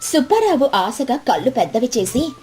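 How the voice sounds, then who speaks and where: A woman's voice: high-pitched, big pitch swings, moderate pace, darkish tone, soft background music. Woman narrating a moral story.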